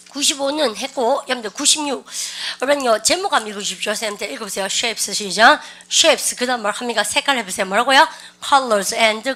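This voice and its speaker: A woman teaching an English vocabulary class, lively and coaxing, constantly asking her students questions and mixing English words into her lecture. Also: fairly high pitch. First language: Korean.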